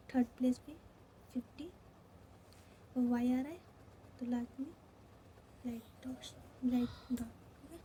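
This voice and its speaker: Speaking in a dark-toned voice on the high side, a woman with a Hindi accent gives a slow, step-by-step shorthand lesson. She repeats every step and frequently checks in with "theek hai," over a little hiss or hum.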